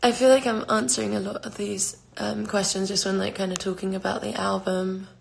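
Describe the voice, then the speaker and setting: A singer in her twenties speaks in London English while casually answering fan questions on a phone livestream, rambling with frequent fillers and restarts. Her medium-pitched voice is creaky and flat, a little fast. The echoey room carries slight background noise.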